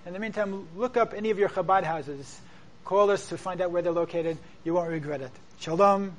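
A man's voice: high-pitched, a little fast. A man hosting a religious interview show, speaking earnestly in short, exhortatory phrases to his guest and audience. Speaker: show host, rabbi. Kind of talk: interviewing and addressing viewers.

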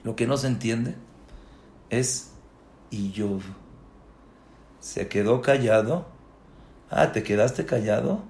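A rabbi delivers a slow Torah sermon with long pauses, sinking to low murmurs and then rising into impassioned shouts, full of rhetorical questions and repeated words. The room is echoey, with slight background noise.

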